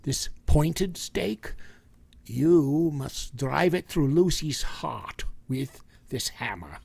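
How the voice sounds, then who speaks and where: Man acting a stern old vampire hunter professor, slow and husky, dramatic vintage radio style. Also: a little high, animated, darkish tone, no echo, heavily acted. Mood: grave, insistent. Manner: deliberate, insistent, dramatic. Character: grave, commanding older male professor and vampire hunter.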